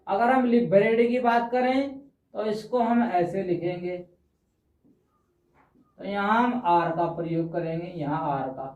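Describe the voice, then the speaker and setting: A man teaching a language lesson who explains patiently, slows down to repeat words and keeps checking in with his students. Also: high-pitched, darkish tone, far from the mic. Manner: patient, repeats words slowly, checks in with 'ठीक है' often. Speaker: Hindi teacher. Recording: roomy, dull sound from off-mic.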